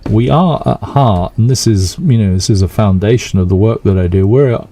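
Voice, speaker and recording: A man with a low, mellow voice talks calmly as a radio guest. He explains hypnotherapy patiently, leaning on everyday examples. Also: fairly quick. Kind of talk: radio interview.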